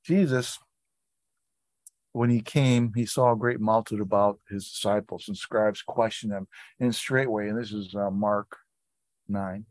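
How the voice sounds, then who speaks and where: A man's voice: on the low side, fairly even intonation, measured pace, darkish tone, no echo. Man leading a casual Bible study. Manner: conversational, reads scripture aloud with asides. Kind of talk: informal Bible teaching.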